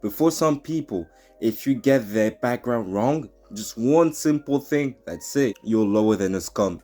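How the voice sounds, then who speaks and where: A young man with a low, slightly mellow voice talks to the camera in an opinion commentary vlog. He argues his point earnestly and with conviction, rambling and restarting sentences as he goes.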